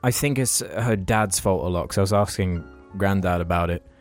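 A man's voice: sits low, normal speed, faint music behind. A young man, telling a long story in casual podcast chat and swearing freely. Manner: rambling storytelling, heavy swearing. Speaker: podcast co-host.

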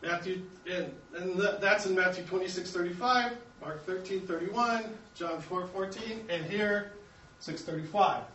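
A man's voice: high-pitched, a little slow, sharp tone, highs cut off, a little hiss or hum. An American man teaching an adult Sunday school Bible lesson, explaining points step by step and chuckling at his own slips. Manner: explanatory, self-correcting, chuckles at himself. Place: church classroom. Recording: echoey room, mic at a distance.

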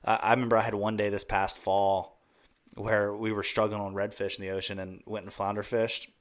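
A man with a fairly low voice hosts a laid-back podcast chat. He talks in an easygoing, rambling way and laughs easily between points. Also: level tone, brisk. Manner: easygoing, laughs often, chatty. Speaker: podcast host. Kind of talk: casual chat.

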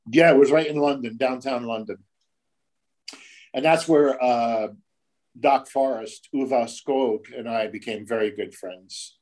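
A man's voice: medium pitch, takes it slowly, pauses often, darkish tone, poor audio. An older man, a tattoo artist, telling stories in a casual, profane way and acting out the voices of the people in them. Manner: profane, acts out quoted voices. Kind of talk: casual storytelling.

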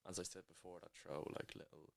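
Casting: male co-host, very low creaky voice, easygoing informal talk with hesitant phrasing. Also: flat delivery, fast talker. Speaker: podcast co-host. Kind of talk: casual conversation.

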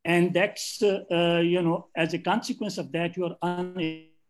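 An older man with a Pakistani accent gives an off-the-cuff panel talk, making emphatic points with hesitant pauses. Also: high-pitched, steady tone, soft background music. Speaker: civil service academic and guest speaker. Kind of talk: extempore panel talk on video call, mixing English and Urdu.

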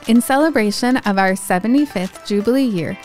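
A woman's voice: medium pitch, fairly quick, darkish tone, soft background music. A woman co-hosting a podcast, reading a polished intro and then chatting in a friendly, conversational way. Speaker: podcast co-host, alumni relations director.

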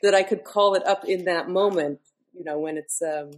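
A woman's voice: on the low side, normal speed. A woman who is a classical singer, speaking as a guest in a podcast interview and explaining her work in a thoughtful way with many fillers.

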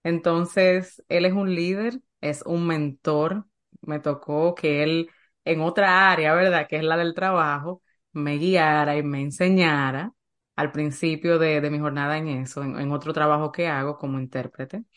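Low-voiced woman hosting a faith podcast. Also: steady tone, unhurried. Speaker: podcast host and eating coach. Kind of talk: faith-based podcast talk.

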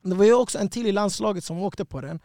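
Brief: high-voiced man, animated and slangy, dry close sound. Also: creaky, dry recording. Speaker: guest fighter. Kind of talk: casual storytelling.

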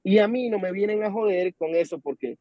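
Venezuelan guy, young, high voice, dry close sound, acts out all the people in his story. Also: fairly quick, no room sound. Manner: animated storytelling, acting out quoted dialogue. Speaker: podcast guest. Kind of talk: casual chat. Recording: dull lo-fi sound.

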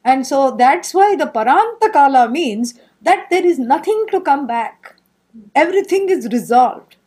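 A woman's voice: high voice, unhurried. A woman with an Indian accent giving an informal scripture lecture as a spiritual teacher, playful and full of rhetorical questions. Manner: animated storytelling with rhetorical questions and playful humour.

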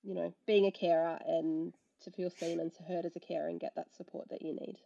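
Husky, hoarse woman on a call. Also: lowish voice, little pitch movement, brisk, warm tone, lo-fi sound. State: hoarse from illness. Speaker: podcast host. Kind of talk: casual chat.

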